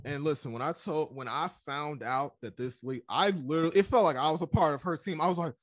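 A man joining a friend's podcast as a guest, telling lively stories about listening to music and acting out his own reactions. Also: fairly high pitch, a little fast, no echo, studio quality. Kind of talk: casual music chat.

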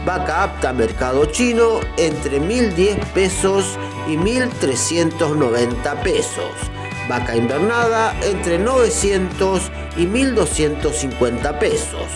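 Un hombre que narra una noticia con guion, leyendo de forma medida como reportero. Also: male voice, fairly high pitch, big pitch swings, takes it slowly, over music. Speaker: news reporter. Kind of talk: scripted news narration.

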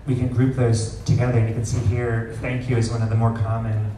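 A man with a mid-range voice and level tone presents live software at an indoor meetup, explaining informally with regular pauses. His talk is picked up from afar by a camera in a large room with a wooden ceiling, giving a roomy sound and faint noise.

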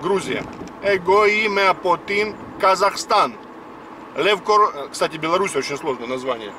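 A man in his fifties with a high-sitting voice talks at a moderate pace, hosting a casual spoken lesson as he drives. He's chatty and goes through words one by one. A distant dashboard camera mic picks him up along with road noise.

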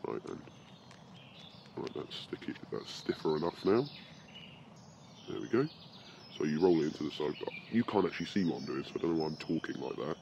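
A man's voice: extremely low pitch, darkish tone, dull audio, slight background noise. A British man hosting a casual podcast, rambling and swearing freely, with birdsong from the forest around him. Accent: British English. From Britain. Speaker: podcast host. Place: outdoors in a forest.

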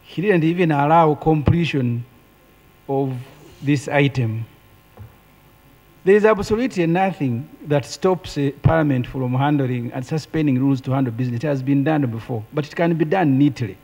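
A man's voice: fairly high pitch, moderate pace, darkish tone. A middle-aged man with a Ugandan accent arguing a point of procedure in parliament. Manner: argumentative, pointed. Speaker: opposition member of parliament. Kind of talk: parliamentary debate. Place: large parliament chamber. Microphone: desk microphone. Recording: long chamber reverb.

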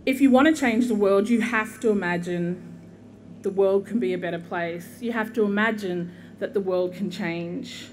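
Her voice medium-pitched and a little mellow, a middle-aged constitutional lawyer from southeast Queensland speaks as guest at a university commencement, outdoors in a courtyard at a podium microphone. She is earnest and measured, with plenty of ums and gestures, over slight background noise.

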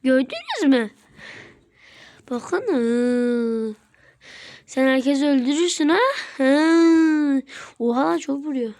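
High-voiced woman taunting in gameplay commentary. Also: takes it slowly, long pauses. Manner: taunts opponents, chatty and excitable. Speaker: gaming channel host.

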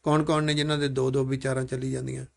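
A man's voice: medium pitch, little pitch movement, very fast, creaky. A man leading a live classroom discussion with children, asking many questions and urging them to speak up.

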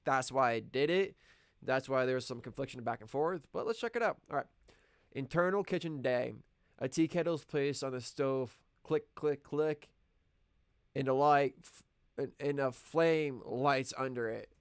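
A man's voice: medium pitch, moderate pace, smooth, dry recording, studio quality. A man, a screenwriter, reading his own script aloud on a live stream and correcting himself as he goes. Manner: reading stage directions aloud, self-correcting.

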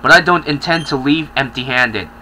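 A man's voice: mid-range voice, normal speed, bright, forceful tone, slight background noise, rough recording. A man voicing a scheming villainous woman from a video game, with a witchy cackle in her voice. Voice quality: witchy laugh.

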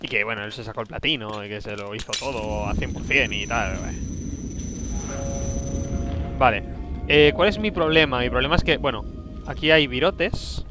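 A man commentates a horror game casually, talking to himself in a nervous, jumpy way. His voice is mid-range and moderately paced, with long pauses, and music plays under him.

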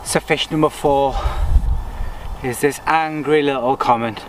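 A man with a mid-range voice talks a little slowly as he fishes outdoors by a lake, relaxed and chatty, narrating his own steps for his vlog. His camera stands on the bank ahead of him, and soft outdoor noise is audible.

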